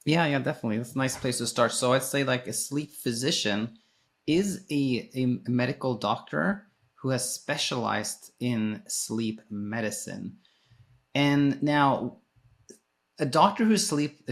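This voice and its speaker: A gravelly, mid-range male voice belongs to a Swedish sleep coach who used to be a sleep physician. Appearing as a podcast guest, he answers the interviewer's questions casually, explaining his points and rewording them along the way.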